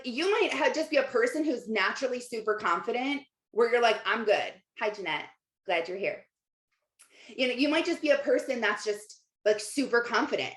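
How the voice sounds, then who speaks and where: Speaking in a slightly high voice, a woman coaches casually on a motivational livestream and reads viewers' comments aloud. She's informal and conversational, emphatic with repetition and rhetorical questions, and the recording sounds roomy and echoey.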